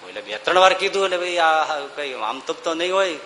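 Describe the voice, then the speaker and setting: A man delivers a devotional discourse, driving his points home with rhetorical questions and slow chanted verses. His voice is bright and forceful, a little higher than most men's. It rings out in a large reverberant hall with faint ambience behind it. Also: expressive, slight background noise. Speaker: spiritual discourse speaker.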